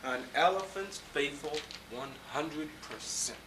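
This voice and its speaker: Horton, a steadfast gentle elephant, voiced by a man. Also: on the high side, lively intonation, slow pace, roomy sound, far from the mic, background noise. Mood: solemn. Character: faithful, patient, gentle male elephant. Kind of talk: storybook reading aloud.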